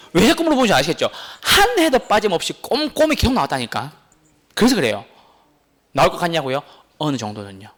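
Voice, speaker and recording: Lively, animated man lecturing a class. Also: medium pitch. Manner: animated, teasing, asks the class many questions. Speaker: real estate exam lecturer.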